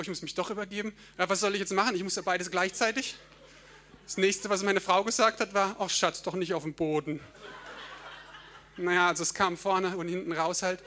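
A young man tells his testimony to a church audience. His voice sits high and sounds bright and forward. He tells the story vividly, laughs at himself and sometimes sings short bits of hymns. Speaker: church speaker sharing a testimony. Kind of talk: personal testimony in a church talk.

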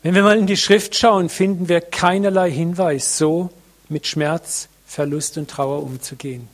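A man preaching a sermon to a congregation, earnest and reflective, with many pauses, addressing listeners directly. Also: a little high, fairly even intonation.

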